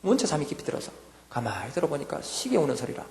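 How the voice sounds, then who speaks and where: A man in his sixties with a Gyeongsang accent, a church deacon giving a lively testimony and acting out voices of himself and his wife. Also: fairly high pitch, fast talker, long reverb tail. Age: 60s.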